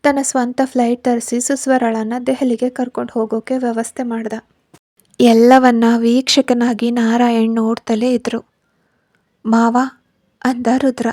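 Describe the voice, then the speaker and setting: A woman narrating a romance story with steady, even pacing. Her voice is fairly high but mellow, with little rise and fall. It is recorded close and dry. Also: normal speed, no room sound.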